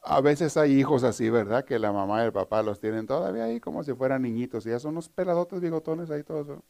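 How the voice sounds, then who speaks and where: A man's voice: mid-range voice, fast talker, creaky, mellow. A man delivers a sermon in an earnest, teaching tone. His voice sits in a middle range, and he speaks directly to his listeners. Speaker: preacher.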